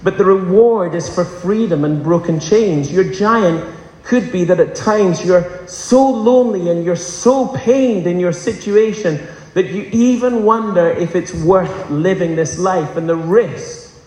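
In a large church hall with long, echoing reverb, a man preaches a sermon to his congregation. His voice is high-pitched with a darkish tone, and he speaks at a measured pace, impassioned and often putting rhetorical questions to the room.

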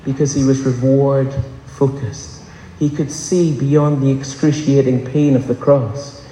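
A man preaches an impassioned sermon to a congregation in a large church hall, often putting rhetorical questions to the room. His voice is medium-pitched and mellow, with slight background noise and the hall's long, echoey reverb.

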